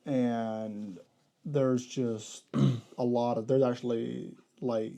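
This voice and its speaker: Speaking in a creaky, medium-pitched voice with drawn-out words, this young man is a guest on a podcast. He works as an ER health unit coordinator and chats loosely about the job, rambling, self-correcting, and animatedly retelling what happened.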